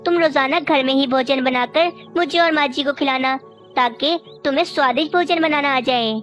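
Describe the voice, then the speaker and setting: A woman plays a well-off husband crow in a cartoon, earnest and easygoing. The voice stays fairly high, over light music. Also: normal speed, a bit bright, dull audio. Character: wealthy, doting husband crow, male. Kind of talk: cartoon voice acting.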